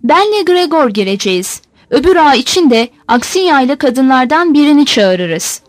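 A woman reader voicing a bossy old fisherman father who snaps at the women of the house and hands out orders. the reading stays lively and high, recorded close and dry. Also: normal speed, dry recording. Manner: bossy, impatient, commanding.

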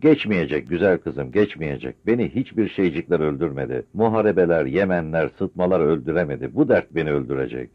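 A man voicing a grieving, frail old village man who pleads tearfully in a high, strained voice. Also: lively intonation, a little fast, hardly any pauses. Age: older. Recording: dull lo-fi recording.

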